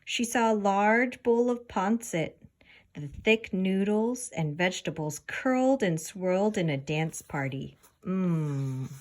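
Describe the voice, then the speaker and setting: In a medium-pitched voice, a woman reads a children's picture book aloud, her storytelling both deliberate and expressive.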